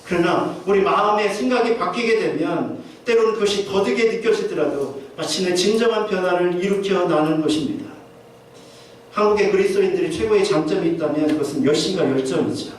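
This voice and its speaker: A man's voice: high-pitched, brisk. A man preaching a sermon as pastor, earnestly asking his listeners question after question. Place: church sanctuary. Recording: very echoey church hall from far off, faint noise.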